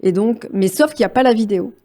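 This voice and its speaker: A woman's voice: fairly high pitch, lively intonation, quick pace, warm tone. A woman guest on an interview podcast, talking casually about voice-over work, with frequent hesitations and fillers. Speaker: guest, voice-over artistic director.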